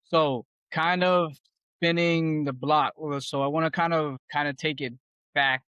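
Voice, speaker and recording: A man's voice: a little high, fairly even intonation, unhurried, a bit bright, smooth, no echo, muffled recording. A man hosting his podcast, asking questions in a laid-back, slangy way, full of "like" and "kinda". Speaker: podcast host. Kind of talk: casual interview conversation.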